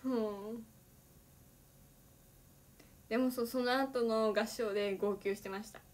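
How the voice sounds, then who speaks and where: A teenage idol girl chatting on her livestream in a slightly high voice. She talks casually and chattily, with little giggles breaking up her sentences. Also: steady tone, unhurried, darkish tone. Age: teens. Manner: giggly, chatty, laughs often between sentences.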